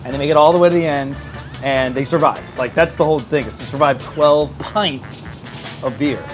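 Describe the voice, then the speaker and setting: A man's voice: fairly high pitch, normal speed. A man rambling through a casual film summary in a rowdy, drunken party-animal way, swearing as he goes. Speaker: presenter of a drunk interview show. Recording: music playing behind the voice. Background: music.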